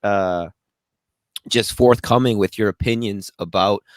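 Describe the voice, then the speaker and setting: An American man with a fairly low voice hosts a podcast over a video call, talking a little slowly with no echo. He rambles and hesitates, restarting often, and his audio sometimes breaks up.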